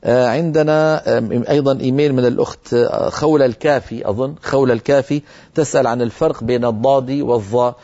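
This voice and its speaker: A middle-aged Syrian man teaches Quran recitation on a broadcast lesson, drawing out letter sounds syllable by syllable. His voice is mellow and unhurried. The audio is a little muffled, like an old TV recording. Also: mid-range voice, steady tone.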